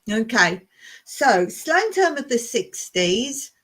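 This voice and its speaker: A woman with a fairly high voice hosts a relaxed livestream, thinking out loud at an unhurried pace. She reads viewers' chat comments aloud and chuckles often as she plays a guessing game. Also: husky. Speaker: livestream host. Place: home in rural Cyprus.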